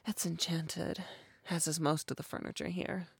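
A woman voicing a low, husky, commanding tailed creature. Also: steady tone, normal speed, no echo, heavily acted. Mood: sultry. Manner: sultry, commanding, often whispered. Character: dominant, teasing female creature in humanoid form with a tail. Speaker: voice actor. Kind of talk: intimate audio roleplay.

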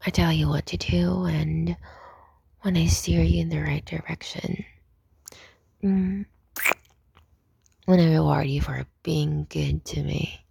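A young woman whispering close to the mic in an intimate roleplay, soft, coaxing and dominant. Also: on the low side, creaky, breathy edge, dry recording. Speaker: audio roleplay performer.

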